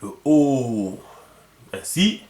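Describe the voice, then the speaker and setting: A man's voice: medium pitch, sing-song, very slow, darkish tone. A man teaching a lesson, patient and checking often that the viewer follows. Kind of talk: instructional video lesson. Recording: echoey room.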